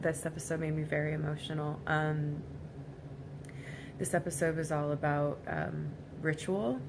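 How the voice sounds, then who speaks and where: A woman gives a reflective personal vlog monologue, speaking casually and haltingly in an earnest, emotionally vulnerable way. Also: sits low. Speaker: vlogger. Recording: clearly noisy amateur recording.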